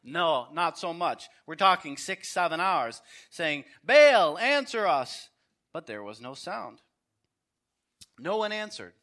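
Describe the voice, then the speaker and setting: A man preaching a sermon, telling a Bible story with lively acted-out dialogue. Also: fairly high pitch, unhurried. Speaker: pastor.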